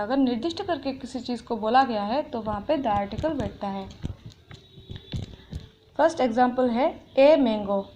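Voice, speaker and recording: High-voiced woman teaching grammar. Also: darkish tone, highs cut off, slight background noise. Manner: explains patiently, reads English examples slowly. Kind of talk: explaining a grammar lesson.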